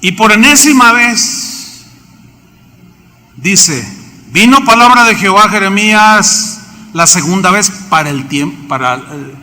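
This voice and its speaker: A man with a Mexican accent preaching a sermon as pastor, animated, acting out biblical characters and asking the congregation questions. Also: sits high, takes it slowly. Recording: reverberant hall, faint background noise.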